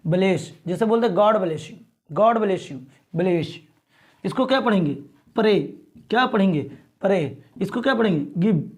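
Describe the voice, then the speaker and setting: A male teacher drills pronunciation in class, repeating each word, asking over and over how to read it, and often clearing his throat. His high-pitched voice is expressive and a little mellow, and he speaks a little slowly.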